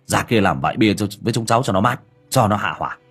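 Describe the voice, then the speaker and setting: A sly young man hurriedly wheedles, repeating himself to calm things down, as a male storyteller plays him. The voice is husky and rushes along. Soft music sits in the background. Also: fairly low pitch. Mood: wheedling. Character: young man, mocking peacemaker.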